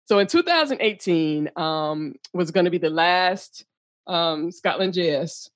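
A woman speaking as a podcast guest, telling stories with lively energy and acting out what others said. She swears freely and laughs often. The sound is dry and close. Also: lowish voice, a little slow, no echo. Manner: animated storyteller, acts out quotes, swears and laughs. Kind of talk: casual chat.

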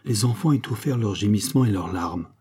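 A man reading a classic novel aloud as an audiobook narrator, steady and measured. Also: fairly low pitch, slight background noise. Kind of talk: scripted narration.

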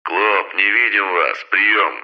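A man's voice: on the low side, slow, highs cut off. A man putting on a bandit over a walkie-talkie. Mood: calling. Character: adult male bandit calling over the radio. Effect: voice over a walkie-talkie radio. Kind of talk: audiobook narration.

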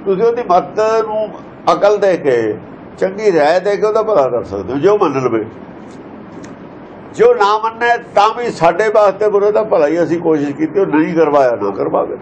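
A man's voice: high-pitched, sing-song, normal speed, a little hiss or hum. A man explaining scripture verses to listeners, emphatic and pressing pointed rhetorical questions. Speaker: scripture teacher. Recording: dull lo-fi recording.

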